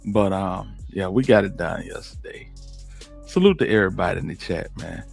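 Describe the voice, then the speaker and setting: A man's voice: low voice, lively intonation, normal speed, vocal fry, breathy edge, faint music behind. A man, hosting a live stream, commenting casually on an interview, laughing and greeting his chat.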